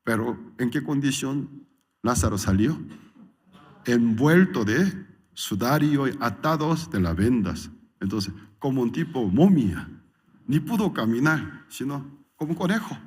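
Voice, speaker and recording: A man preaching a sermon as pastor, acting out scenes with sudden loud, high-pitched voices. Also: animated, a little slow, in a large hall.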